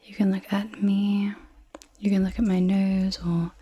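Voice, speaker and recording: A woman in her twenties doing an ASMR role-play as a clinic practitioner, in a soft, breathy, reassuring soft voice. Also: mid-range voice, flat delivery, unhurried. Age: 20s. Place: indoors, small room with dark backdrop.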